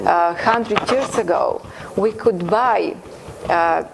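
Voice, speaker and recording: Young woman host, slow hesitant questions, noisy studio. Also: medium pitch, vocal fry. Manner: hesitant, searching for words. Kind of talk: TV studio interview. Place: TV studio set. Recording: studio with background noise.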